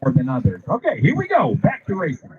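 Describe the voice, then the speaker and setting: A man's voice: fairly high pitch, wildly swooping pitch, brisk, muffled recording, very noisy. A man announcing drag races at a live event, calling out names, times and speeds. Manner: calls names and times over a PA. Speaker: race announcer. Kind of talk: live race-track announcing.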